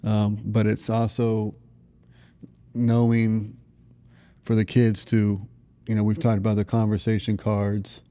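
A thirtysomething American dad talks through his family testimony in a relaxed, sincere way, peppering it with "you know." He speaks slowly with frequent pauses, in a lowish, monotone, mellow and clean-toned voice.

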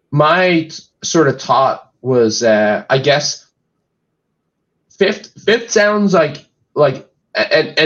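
A man's voice: mid-range voice, highs cut off. A man guest-analyst in a casual sports chat, speaking hesitantly with frequent stutters and fillers.

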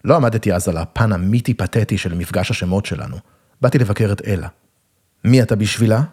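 A man's voice: lowish voice, darkish tone, husky. A man reading a first-person literary story in a wry, self-mocking way.

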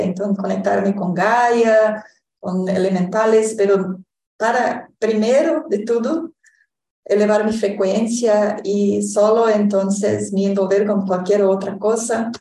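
Woman chatting slowly in mixed languages, kinda hesitant, soft mellow tone, roomy echo. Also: medium pitch. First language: Portuguese. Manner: hesitant, slipping between Spanish, Portuguese and English. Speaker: panel participant. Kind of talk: casual personal sharing. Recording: echoey room, distant microphone.

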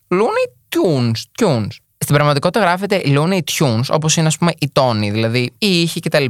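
A man's voice: fairly high pitch, no echo, studio quality. A young man hosting a podcast in a casual, chatty monologue, full of joking asides. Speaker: podcast host.

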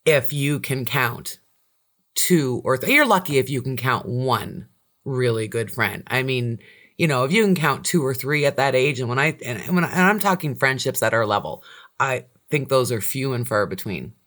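A woman's voice: a bass voice, expressive, normal speed, fairly bright tone. A woman in her forties, a podcast guest, talking in a reflective, casual way and laughing often. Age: 40s. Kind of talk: casual chat.

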